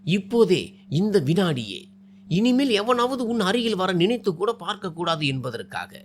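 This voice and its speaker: A man's voice: fairly high pitch, sing-song, moderate pace, a little hiss or hum. A charming, possessive young man, read by a male storyteller in a storybook tale, teasing and coaxing with a voice that rises and dips a lot. He is sure of himself and can turn cold and menacing. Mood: firm.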